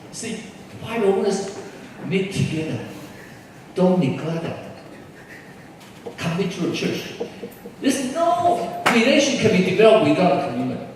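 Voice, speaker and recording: A man's voice: high voice, a little hiss or hum. A man from Taiwan preaching a sermon as pastor, speaking English as a second language and putting questions to the congregation. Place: large church hall. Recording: echoey church hall from far off.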